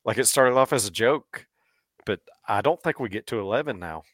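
A man's voice: mid-range voice, animated, brisk, fairly bright tone, dry recording. A man with a Missouri accent co-hosting a sports podcast, chatty and laughing often as he talks. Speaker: podcast co-host. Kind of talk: casual sports chat.

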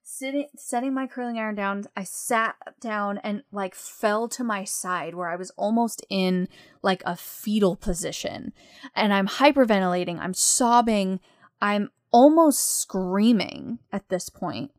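A young woman talks on a podcast, candid and chatty, and tells a personal story with plenty of fillers and false starts. Her voice sits at a middling pitch. The recording is close and dry, with no room sound around her. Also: a little slow, no room sound. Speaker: podcast host.

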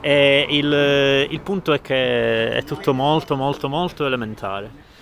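A man's voice: mid-range voice, unhurried, gravelly, fairly bright tone. Man, podcast host, blunt critic, casual talk, vehicle noise in the background. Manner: blunt, dismissive critic with many restarts. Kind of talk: casual film review chat.

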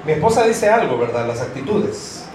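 High-voiced joking pastor. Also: male voice, very animated, normal speed. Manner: joking, addresses the congregation directly. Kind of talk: sermon to married couples. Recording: roomy hall, faint noise.

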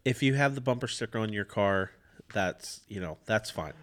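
A man with a low voice hosts a casual podcast discussion. He speaks plainly and to the point, landing short punchy statements. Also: lively intonation, moderate pace. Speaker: podcast host.

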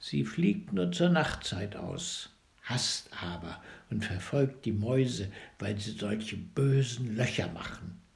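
A man tells an old fairy tale slowly and with a lively, swinging melody, sometimes sinking to a near whisper. His fairly high voice has a gravelly, creaky texture. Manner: expressive, dramatic storytelling with hushed passages. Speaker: storyteller.

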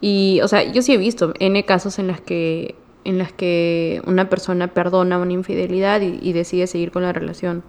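A woman's voice: on the low side, fairly even intonation, moderate pace, hardly any pauses, darkish tone. A woman in a casual chat, giving short affirmations and musing reflectively.

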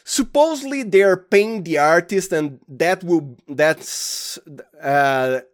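A Brazilian man whose first language is Portuguese guests on a podcast as an audio fiction producer, chatting casually and searching for his words. His fairly high-pitched voice is lively and slow-paced.

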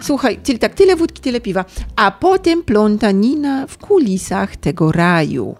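A woman voicing an excitable, bossy dog who hosts a poetry corner in a comic sketch, squealing and giggly. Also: mid-range voice, normal speed, faint music behind. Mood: playful. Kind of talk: comic role-play sketch.

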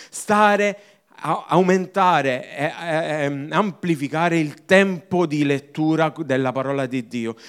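A male pastor preaching a sermon with emphatic, repetitive phrasing that drops from loud to hushed. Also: fairly high pitch, clean tone.

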